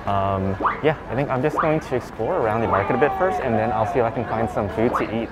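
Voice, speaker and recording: A man's voice: medium pitch, fast, rough recording. A young man chatting casually through a face mask, explaining what he sees at a crowded outdoor market. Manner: relaxed, chatty, explains as he goes. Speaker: food vlogger. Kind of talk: casual vlog narration. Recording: music over outdoor camera audio.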